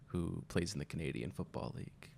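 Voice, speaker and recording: A man's voice: sits low, brisk, vocal fry, darkish tone, slight background noise. A man from the United States hosting a podcast, chatting casually with dry humor and easy laughs. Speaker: podcast host. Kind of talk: casual chat.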